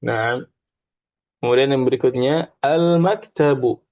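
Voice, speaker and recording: A man's voice: mid-range voice, slow, no echo. A man teaching an informal Arabic class, chatty, explaining with examples and having students repeat after him. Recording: dull lo-fi dry recording.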